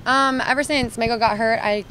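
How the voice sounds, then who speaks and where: A woman's voice: a little high, fairly even intonation, fairly quick, bright, forceful tone, slight background noise. Young woman athlete, hesitant interview. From Utah. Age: young adult. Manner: hesitant, lots of fillers. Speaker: college volleyball player. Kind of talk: casual interview answers.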